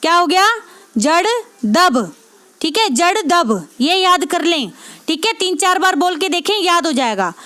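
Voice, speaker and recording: Woman teacher, very high voice, repetitive explanatory style, exam-prep lesson. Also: animated, brisk, sharp tone. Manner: repeats points with constant check-ins to the class; asks and answers her own questions.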